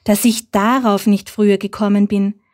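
A woman's voice: medium pitch, little pitch movement, normal speed, darkish tone, pitched above the performer's own voice, natural voice. A woman doing an eager little fox boy. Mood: pleading. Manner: eager, pleading.

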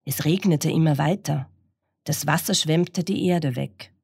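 A woman reading a children's picture book aloud in a slow, expressive storytelling manner. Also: deep voice, creaky, slightly rough, no room sound, clean studio sound.

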